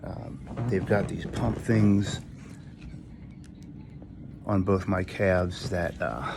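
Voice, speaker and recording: A man with a low, gravelly voice talks casually to a video diary as a patient, halting and matter-of-fact as he searches for words, in a hospital room. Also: steady tone. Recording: noisy room ambience behind voice.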